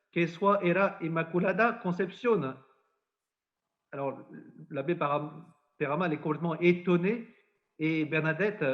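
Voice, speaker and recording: A male priest recounts a story in a podcast conversation, with a slightly higher voice for a man. He narrates at length and brings quoted lines to life. The sound is dull and lo-fi. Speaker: priest and spiritual adviser.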